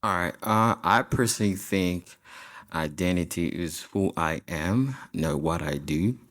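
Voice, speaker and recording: A man's voice: low-pitched, unhurried, fairly bright tone. A young man, a senior student on a panel, talking casually and with enthusiasm, often repeating himself. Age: young adult. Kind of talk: panel discussion answers.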